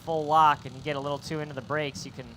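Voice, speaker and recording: A man giving live play-by-play commentary at a drift event, excitable and jokey. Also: a little high, quick pace, a little hiss or hum.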